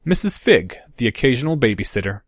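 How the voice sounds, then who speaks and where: A man reading audiobook narration in a steady, measured way. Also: medium pitch, dry recording.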